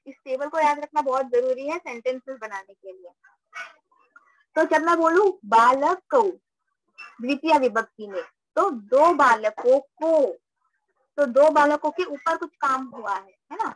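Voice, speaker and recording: A woman's voice: high-pitched, a little slow, dry recording, low-quality recording. A woman teaching a live online class, patiently repeating points and checking that students follow. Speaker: Sanskrit teacher.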